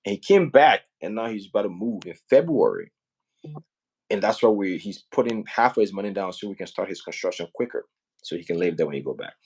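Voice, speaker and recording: A man's voice: low-pitched, animated, fairly quick, a little mellow, slightly rough. A man from Liberia, hosting a casual live stream and talking earnestly and persuasively, often checking in with "right?". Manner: earnest, persuasive, often asks "right?" and "you know what I mean?". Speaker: host promoting home building back home.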